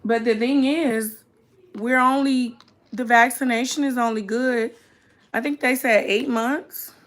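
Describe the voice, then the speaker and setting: A woman's voice: on the high side, fairly even intonation, measured pace, a little hiss or hum. A woman chatting casually and informally as a live-streamer, reacting to a video and talking directly to her viewers. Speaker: streamer hosting a reaction mukbang.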